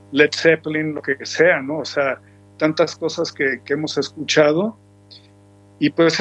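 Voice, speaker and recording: A male musician guest on a relaxed radio interview speaks with a fairly high, somewhat bright voice. He is reflective and rambling, restarting often, and the recording is dull and lo-fi with faint music.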